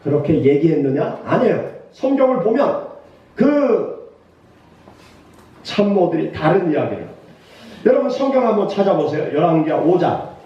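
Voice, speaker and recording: A high-pitched male pastor delivers an animated sermon, now and then breaking into shouts as he voices the people in his story. He is heard from a distance in a very echoey church sanctuary. The sound is dull and muffled. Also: normal speed, pauses often. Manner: animated, acts out quoted lines with sudden shouts.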